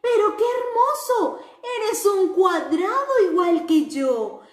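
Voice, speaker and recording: A woman voicing a cheerful, vain, childlike cartoon square who speaks in a high, gushing, sing-song way. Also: animated, slow pace, exaggerated voice. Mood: delighted. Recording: roomy echo.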